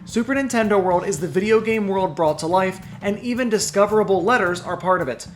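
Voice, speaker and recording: A man's voice: high-pitched, brisk, faint music behind. A man reading a scripted voice-over as a video narrator, in an enunciated, presentational way. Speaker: theme park news video narrator.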